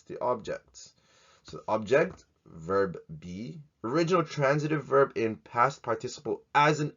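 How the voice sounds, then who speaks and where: A man from Australia, teaching an English grammar video lesson in a jokey, animated way. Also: mid-range voice. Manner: jokey, animated, swings in loudness. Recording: dull lo-fi sound.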